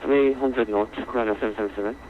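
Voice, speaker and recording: Man, pilot, very fast clipped radio readbacks, dull lo-fi channel. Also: medium pitch, steady tone. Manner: clipped procedural repetition. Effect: radio transmission. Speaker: airline pilot on an online flight simulation network. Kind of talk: air traffic radio readbacks. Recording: muffled lo-fi radio with faint noise.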